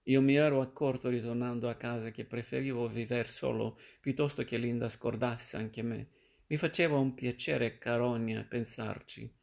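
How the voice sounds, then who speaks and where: Gravelly, flat-voiced man reading a novel. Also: mid-range voice, normal speed. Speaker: narrator. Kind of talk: literary audiobook reading.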